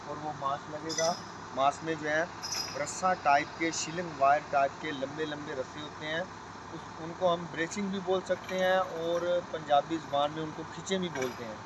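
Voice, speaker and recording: A man in his thirties explaining crane assembly step by step, filmed on a phone at a construction site at night. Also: on the high side. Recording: noisy outdoor site audio. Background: engine and vehicle noise.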